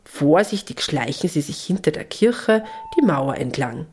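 A woman reading a children's Christmas story aloud, calm and gentle. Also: low-pitched, a little slow, a little hiss or hum.

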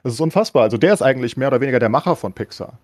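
A man's voice: medium pitch, animated, very fast, no echo, studio quality. A man co-hosting a casual podcast, explaining things at length as if giving a lecture, with frequent filler words. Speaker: podcast co-host. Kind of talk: casual chat.

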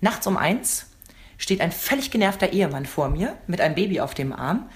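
A woman co-hosting a casual chat podcast, telling lively anecdotes and laughing often. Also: fairly low pitch, normal speed. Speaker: podcast co-host.

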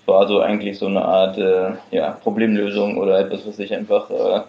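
A man guesting on a podcast explains his craft from his workshop. His voice sits somewhat low, and he pauses with the odd filler. The room echoes, and the recording has a dull, lo-fi sound. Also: monotone. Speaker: guest, fermentation producer. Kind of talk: casual interview.

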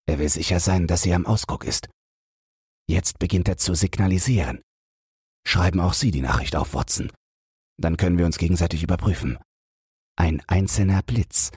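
A man reading the part of Sherlock Holmes, a keen analytical detective, in a measured way for a sleep audiobook. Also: low voice, darkish tone, breathy edge, no room sound, clean studio sound, exaggerated voice. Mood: intent. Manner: measured, reasoning aloud.

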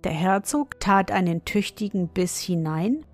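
Slow, measured woman reading a fairy tale. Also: mid-range voice, expressive, a little mellow, soft background music. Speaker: narrator. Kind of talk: storybook reading.

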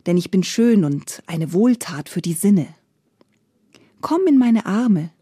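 A woman voicing the Darkness as a gentle female spirit, soft and half-whispered, soothing and tender. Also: medium pitch, animated, moderate pace, breathy edge, no echo, studio quality.

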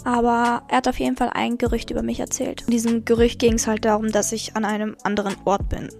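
Gravelly-voiced young woman podcaster. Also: fairly high pitch, level tone, quick pace, a little mellow, faint music behind. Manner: candid, blunt, addresses listeners directly. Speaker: podcast host. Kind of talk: personal storytelling and advice.

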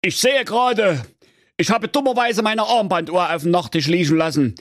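A man's voice: high-pitched, moderate pace, dry recording, studio quality, voice pushed up, close to an everyday voice. A man voicing a cowardly young prince in a comic fairy tale, babbling excuses. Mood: flustered.

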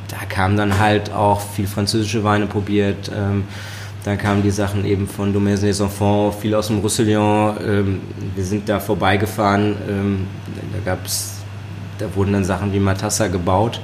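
A chef and sommelier, a man with a Ruhr-area German accent, telling stories in a relaxed podcast conversation, often laughing and using many fillers. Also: fairly low pitch, a little hiss or hum. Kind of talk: casual podcast interview.

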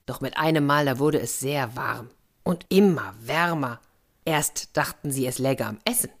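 A woman storyteller reading a children's fairy tale in a lively, expressive way. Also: extremely low pitch, unhurried.

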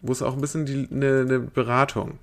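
A man of middle pitch co-hosting a relaxed podcast. He reads listener posts aloud, stumbles over fillers and breaks into laughter often. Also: fairly quick, gravelly. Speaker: podcast co-host. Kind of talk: casual chat, reading out a forum post.

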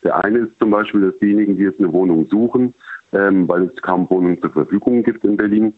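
A male journalist explaining things over a low-quality telephone line, in a measured way with many hesitation sounds. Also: dry recording. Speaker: journalist colleague reporting by phone. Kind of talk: explanatory phone interview answers. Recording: tinny, dry phone line.

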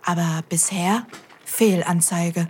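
A woman's voice: lowish voice, fairly even intonation, slow, husky. A woman hosting a scripted children's audio show, cheerfully talking straight to the kids.

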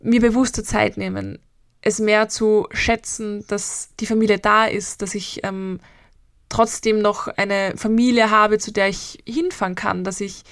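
A woman's voice: mid-range voice, steady tone, unhurried, fairly bright tone, no echo, studio quality. Rambling Austrian woman in her twenties. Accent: Austrian German. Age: 20s. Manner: rambling and personal, with frequent hesitations. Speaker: mental coach and podcast host. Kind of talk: reflective solo podcast talk.

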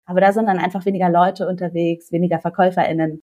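A young woman from Germany joins a podcast as a guest. She talks in a relaxed, casual way and gives travel tips with plenty of enthusiasm. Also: on the low side, racing.

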